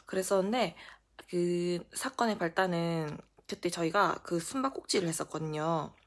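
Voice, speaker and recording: A young adult woman vlogger telling a story in a casual storytime style, animated and full of fillers. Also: on the low side, normal speed.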